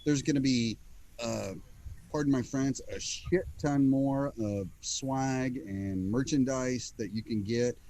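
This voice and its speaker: A man co-hosting a relaxed podcast over a video call. He keeps things joking and stumbles over repeated words as he warms into a sentence. His pitch sits in an ordinary middle range. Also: takes it slowly, low-quality recording. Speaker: podcast co-host. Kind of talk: casual chat.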